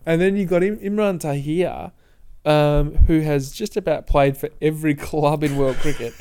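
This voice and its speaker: Male sports co-host, fairly high clean voice, casual, halting, thinking-aloud delivery. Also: fairly even intonation, mellow, smooth. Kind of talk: casual cricket discussion.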